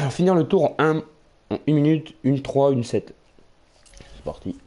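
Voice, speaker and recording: A gaming streamer with a faint Belgian French accent rambles casually through live commentary on his racing game, cursing often. His voice sits fairly high with a dark tone, lively yet unhurried. Game engine noise runs in the background.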